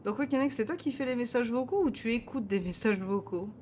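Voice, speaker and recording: A woman streamer talks casually in a fairly high voice, joking as she plays and chats with viewers. Some noise runs behind her playful commentary. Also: fairly quick, darkish tone. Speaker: live game streamer.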